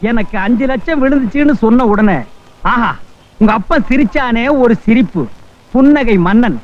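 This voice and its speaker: Bitter lottery hawker, very high voice, sharp-tongued, scolding, muffled film audio. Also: male voice, moderate pace. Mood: ranting. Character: broke, bitter man hawking lottery tickets. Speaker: lottery ticket seller. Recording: dull lo-fi film soundtrack.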